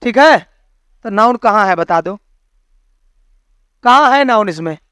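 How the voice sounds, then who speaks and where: A man's voice: high-pitched, lively intonation, a little slow, a bit bright, clean tone, no echo. Male teacher, classroom lesson, keeps checking understanding, dry close sound. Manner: explains with homely analogies, keeps checking understanding with questions. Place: classroom with students.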